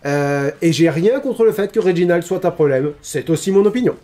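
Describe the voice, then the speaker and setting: A man gives a casual, chatty wrestling recap on a stream. He is halting, and he often restarts his sentences. His voice sits fairly high with a mellow, dark tone, and faint music plays behind him. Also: lively intonation. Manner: hesitant, many restarts, chatty. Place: home streaming setup. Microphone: streaming microphone.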